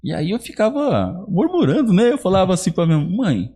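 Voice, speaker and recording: A podcast guest in his thirties from Brazil recounts his personal faith testimony. His voice is husky and his pitch swings a lot. He acts out the dialogue of his mother and uncle as he goes. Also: a little fast. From Iguape, Brazil. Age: 30s. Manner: animated storyteller acting out quoted dialogue.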